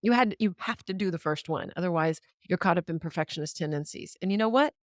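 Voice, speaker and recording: A woman's voice: lowish voice, fast, no echo, clean studio sound. A middle-aged woman chatting candidly as a podcast guest, rambling and swearing freely, often laughing. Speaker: podcast guest, musician and writer. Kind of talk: casual conversation.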